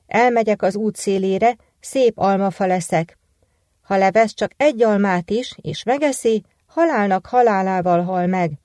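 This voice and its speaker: A woman's voice: medium pitch, a little mellow, no room sound, clean studio sound, close to an everyday voice. A woman voicing scheming witch's daughters-in-law. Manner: plotting, boastful.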